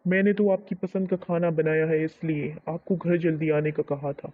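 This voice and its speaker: A man reading the lines of a sweet, innocent young woman in a novel, softly and earnestly, on a muffled lo-fi recording. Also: on the high side, level tone, moderate pace, lightly acted. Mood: gentle.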